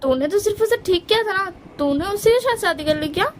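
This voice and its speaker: A woman's voice: very high voice, lively intonation, a little fast, a little hiss or hum, voice pushed up. A woman voicing a sarcastic grown man who mocks his brother. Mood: mocking.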